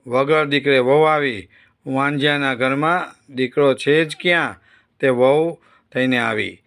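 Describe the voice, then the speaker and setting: A man's voice: mid-range voice, measured pace, a bit bright, clean tone. A man reading the part of a mocking, gossiping neighbor woman in a taunting tone, near his own voice.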